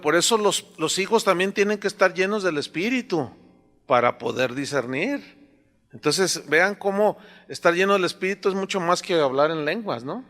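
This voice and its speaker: A man's voice: fairly high pitch, fairly bright tone. Man preaching in a reverberant hall. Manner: conversational preaching with fillers, rising emphasis on scripture. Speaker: pastor. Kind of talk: sermon.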